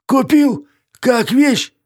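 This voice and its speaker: A man voicing a cantankerous, scrawny old male scientist in a thin falsetto, with shrill, theatrical, indignant outbursts. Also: animated, moderate pace, darkish tone. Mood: indignant shrieking. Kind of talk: audiobook character voice.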